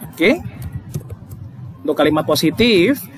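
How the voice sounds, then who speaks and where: A man's voice: fairly high pitch, very animated, takes it slowly, soft background music. A male English teacher explaining grammar in a lesson, emphatic, repeating key points and checking with "oke?".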